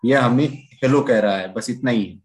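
A man's voice: medium pitch, a little fast, warm tone, echoey room, natural voice. A man reading the lines of an eager, cheerful little girl in a storybook.

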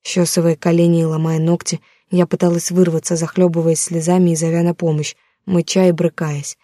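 Lowish-voiced woman narrating an audiobook. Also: little pitch movement, a little fast, mellow, no echo, clean studio sound. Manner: tense, dramatic storytelling. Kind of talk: first-person audiobook narration.

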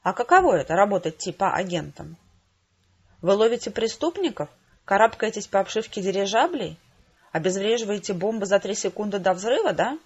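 A woman reading an audiobook who voices an eager, timid young female assistant with a squeaky, gushing, shy way of talking. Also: big pitch swings, fairly quick, breathy edge, muffled recording.

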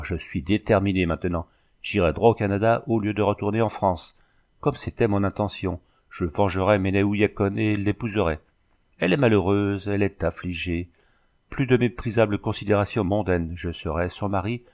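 A man's voice: on the low side, darkish tone, lightly acted. A man reading the lines of an impassioned young French engineer, exclaiming with grief and emotion.

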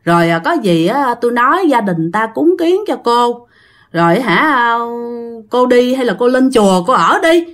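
A woman playing an older village man who coaxes a ghost, in a soothing, pleading, lowered voice. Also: big pitch swings, moderate pace. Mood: coaxing. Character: calm older male village spirit-chaser.

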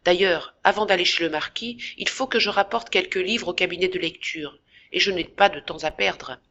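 A woman voicing a tender young man who comforts his younger brother, speaking softly and reassuringly in an audiobook. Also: lowish voice, normal speed, dull audio. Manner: soft, reassuring, slightly trembling. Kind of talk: audiobook character voice.

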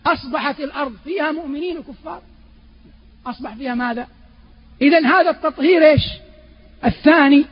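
High-voiced fast-talking male preacher. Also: dull audio. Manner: asks the audience questions and answers them himself; recites Quran verses in a chanting tone. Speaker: Islamic preacher. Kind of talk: Quran commentary lesson.

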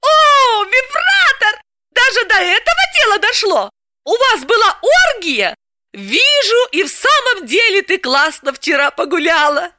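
A woman's voice: very high-pitched, very animated, normal speed, sharp tone, no echo, studio quality, voice pushed up, exaggerated voice. A woman reader voicing a gleeful, mocking young female friend with a squealing manner. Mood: teasing.

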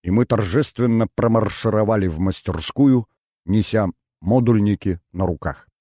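A man reads a first-person novel in an unhurried, measured way. His voice sits very low with a dark, mellow color. The recording is dry and close to the mic. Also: no echo. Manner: measured, storytelling. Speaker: audiobook narrator.

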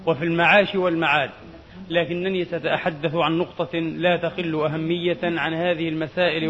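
A man preaching a sermon in formal classical style, measured and emphatic, often repeating a phrase for weight. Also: a little high, fairly bright tone. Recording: dull audio with long hall reverb.

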